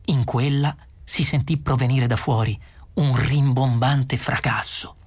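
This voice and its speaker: A man reads a novel aloud in a husky, slightly breathy voice at a middling pitch. His storytelling is steady and measured, with a plain, even flow. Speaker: audiobook narrator. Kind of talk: scripted narration.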